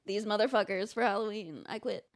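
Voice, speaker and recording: A woman's voice: medium pitch, brisk, dry recording, studio quality. A woman co-hosting a podcast in casual chat, joking, giggling and breaking into song. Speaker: podcast co-host.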